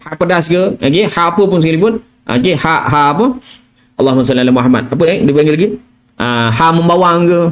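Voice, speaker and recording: A man's voice: on the high side, fast talker. Chatty Malaysian man teaching tajwid. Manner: chatty, repeats "kan?" and "ah"; demonstrates sounds in whispers and chanted recitation. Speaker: Quran recitation teacher. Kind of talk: casual live tajwid lesson.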